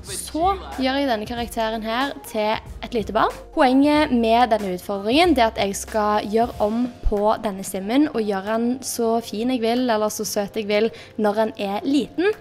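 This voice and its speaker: A young gaming YouTuber chats casually while she plays at a desk in her bedroom, thinking aloud as she picks options. Her voice is a little high and slightly mellow, and she hardly pauses. Faint music plays behind her.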